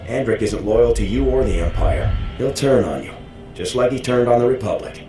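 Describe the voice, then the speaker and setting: An actor playing a steadfast, dutiful military lieutenant in a video game, firm and matter-of-fact. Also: male voice, medium pitch, lively intonation, normal speed, warm tone, natural voice. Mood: firm, resolute. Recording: roomy echo, faint music.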